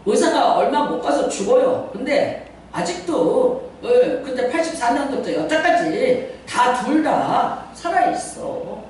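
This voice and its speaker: Animated older woman pastor, echoey church. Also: high voice, slow. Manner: animated and laughing, acts out quoted prayers and voices. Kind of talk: sermon with personal stories. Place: church sanctuary. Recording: far from the mic with heavy church echo and faint noise.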